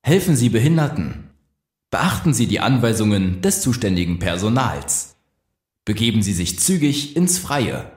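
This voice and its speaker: A man giving a formal, measured evacuation announcement, played over a building loudspeaker. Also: lowish voice, big pitch swings, slight background noise. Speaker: public announcer. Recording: echoey loudspeaker playback.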